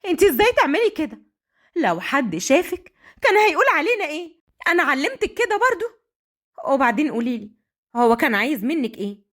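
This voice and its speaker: A woman's voice: high voice, very animated. A woman doing a scolding older sister. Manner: scolding, brisk.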